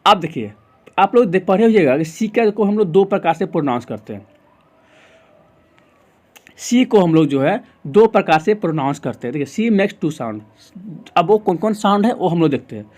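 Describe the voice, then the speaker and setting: A man's voice: sits high, expressive, normal speed, pauses often. A man with an Indian English accent teaching a pronunciation lesson, asking the class questions and answering them himself, repeating each rule. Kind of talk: explaining lesson in Hindi.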